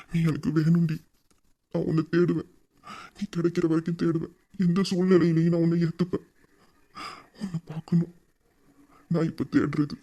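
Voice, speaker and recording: A man's voice: a little high, warm tone, lightly acted. A man voicing a young man who pleads for his lost love in an earnest audio drama monologue.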